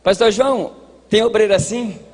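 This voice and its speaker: Brazilian preacher, male, high and husky, folksy sermon delivery, quiet asides building to shouts; church hall with long reverb. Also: normal speed. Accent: Brazilian Portuguese. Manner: folksy, joking, shifts between quiet asides and shouted exhortation. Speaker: pastor. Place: large church hall at a congress.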